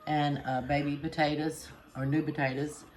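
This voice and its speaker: A woman's voice: low-pitched, level tone, moderate pace, darkish tone. A middle-aged woman, chatting through a home cooking demonstration with many "uh" fillers. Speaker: home cook. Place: home kitchen. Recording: noisy home kitchen ambience.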